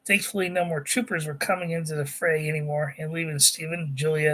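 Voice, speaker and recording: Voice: medium pitch, a bit bright, rough recording. An amateur author casually reading their own sci-fi story aloud, often stopping to correct themselves and add chatty asides.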